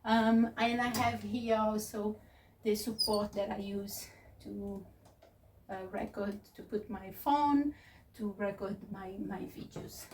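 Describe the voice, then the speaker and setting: Woman, non-native English speaker, unhurried pace, hesitant searching phrasing, casual vlogger narration, faint background noise. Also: mid-range voice, steady tone, darkish tone. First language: not English. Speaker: craft vlogger and presenter. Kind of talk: casual unscripted tour narration to viewers. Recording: distant mic with faint noise.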